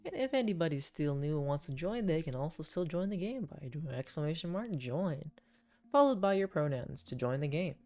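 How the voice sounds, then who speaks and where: A woman casually commentating as she hosts a game livestream, playful and often halting as she thinks aloud. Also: deep voice, animated, dark tone, soft background music. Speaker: game streamer hosting a viewer voting game.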